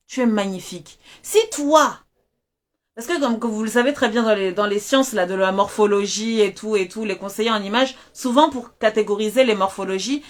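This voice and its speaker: A woman hosting a live stream as a self-confidence coach, talking in an animated, emphatic way, repeating phrases and asking viewers questions. She speaks through a mask. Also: a little high. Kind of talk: motivational live-stream talk. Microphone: wearing a mask while speaking.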